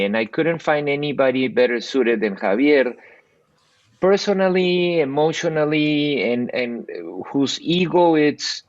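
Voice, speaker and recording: An older man from South America, a cinematographer telling stories on a video call interview, animated with frequent restarts. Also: dry recording, dull audio. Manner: animated storyteller, lively pitch swings, frequent restarts. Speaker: cinematographer guest. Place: bright home room by window. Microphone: earbuds on video call.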